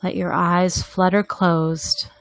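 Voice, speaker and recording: A woman leads a guided meditation gently and deliberately, speaking very slowly with long pauses in a slightly low, creaky voice and flat delivery. The sound is dry and close with no echo, and faint music plays behind her.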